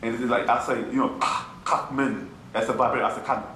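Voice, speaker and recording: A man teaching an informal class to a small audience. He talks in an animated, mocking way and keeps asking his listeners "you feel me?". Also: medium pitch, rapid-fire. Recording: echoey room with faint ambient noise.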